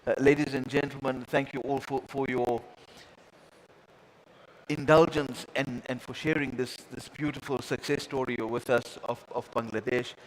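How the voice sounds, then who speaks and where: A man's voice: mid-range voice, fairly even intonation, normal speed, slight background noise, low-quality recording. A man moderating a panel dialogue, gracious and formal, with frequent stammered restarts. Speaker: moderator, host.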